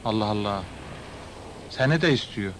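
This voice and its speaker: An actor playing a blunt, grumbling Turkish migrant worker in a film comedy. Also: male voice, on the low side, animated, moderate pace, fairly bright tone, a little hiss or hum. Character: plain-spoken Turkish migrant worker, man. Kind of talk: 1980s film comedy acting.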